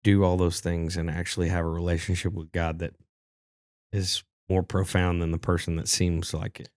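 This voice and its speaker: A man's voice: sits low, flat delivery, normal speed, darkish tone, dry recording, clean studio sound. A man from Texas, a singer-songwriter, talking casually as a podcast guest and telling loose stories. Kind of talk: casual conversation.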